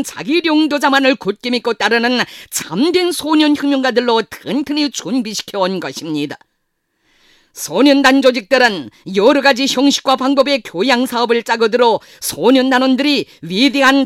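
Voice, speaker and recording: A man's voice: extremely high pitch, a bit bright, no room sound, clean studio sound. A man with a North Korean accent reading formal scripted news as an announcer, in a solemn, reverent, declamatory manner.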